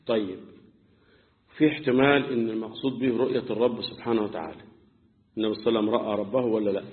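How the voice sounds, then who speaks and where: A man with an Egyptian Arabic accent teaching Quran commentary, often pausing to have listeners fill in the next word. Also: mid-range voice. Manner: keeps prompting listeners to fill in words. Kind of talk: religious lesson. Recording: tinny phone-like recording.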